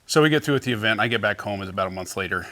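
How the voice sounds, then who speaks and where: A middle-aged man, a company founder, telling relaxed stories in an interview, with lots of fillers and restarts. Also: fairly low pitch, racing. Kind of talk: casual interview storytelling.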